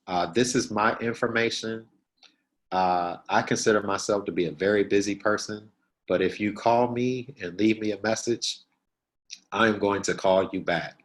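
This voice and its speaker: Deep-voiced man giving an earnest keynote. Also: normal speed, poor audio. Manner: earnest, direct, repeats key points. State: out of breath. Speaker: keynote speaker. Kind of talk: keynote talk to new principals.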